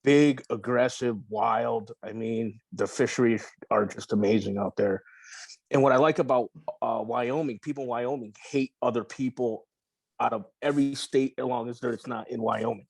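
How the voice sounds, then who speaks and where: A man's voice: mid-range voice, moderate pace, vocal fry, dry recording. Laid-back, profane storytelling guy, dry. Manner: relaxed, profane, rambling with restarts. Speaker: podcast guest. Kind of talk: casual interview storytelling.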